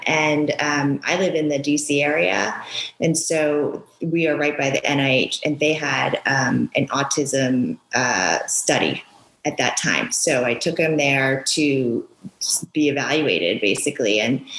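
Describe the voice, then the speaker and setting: Low-voiced woman, echoey room. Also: fairly bright tone. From Japan, raised in New York. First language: Japanese. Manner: earnest, halting, many ums. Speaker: guest author, parent. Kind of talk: casual interview.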